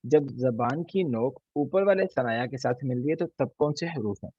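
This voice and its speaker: Guy teaching quran pronunciation online, husky voice, dull lo-fi sound. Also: mid-range voice, darkish tone, dry recording. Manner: patient, repeats each letter slowly for students to copy. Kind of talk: online tajweed class lesson. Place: online video class.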